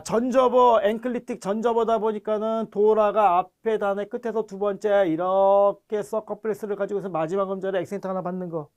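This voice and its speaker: Male teacher with a high voice; patient, explanatory online lecture. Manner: explanatory, often checks understanding with questions; reads foreign words slowly and deliberately. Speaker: language teacher.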